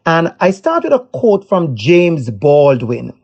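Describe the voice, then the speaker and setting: A woman's voice: sits low, wildly swooping pitch, takes it slowly, a little mellow, dull audio. A woman with a Jamaican accent, an equity educator answering as a guest, speaking emphatically and repeating key lines for effect. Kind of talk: impassioned interview answer.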